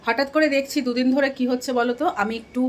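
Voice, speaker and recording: A woman vlogging casually from her home, chatting to viewers and scolding her daughter, her throat a little hoarse. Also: high voice, fairly even intonation, fast, slight background noise. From Bengal. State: throat slightly hoarse lately. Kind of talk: casual home vlog chat. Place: home kitchen and bedroom.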